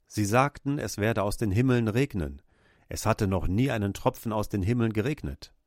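Male preacher, sermon, lower voice, dry close sound, emphatic repetition. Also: animated, normal speed, darkish tone, no echo. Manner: emphatic preaching with repeated exclamations.

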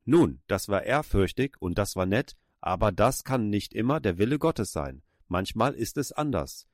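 A man's voice: fairly low pitch, big pitch swings, moderate pace, dry recording, clean studio sound. Earnest male preacher telling a story. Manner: earnest storytelling with emphatic exhortations. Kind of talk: sermon.

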